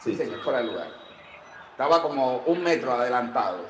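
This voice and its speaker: A man from Cartagena with a Colombian Caribbean coastal accent, calling a football match on radio with jokes and drawn-out goal calls. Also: medium pitch, roomy sound, a little hiss or hum. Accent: Colombian Caribbean coastal Spanish. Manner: jokey, excitable, drawn-out goal calls and live ad reads. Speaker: play-by-play commentator.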